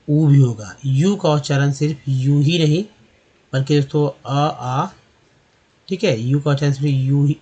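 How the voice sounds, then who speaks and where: A man with a fairly high, slightly mellow voice teaches English pronunciation, spelling words out letter by letter and repeating them. The English teacher speaks to viewers as friends and puts questions to the class.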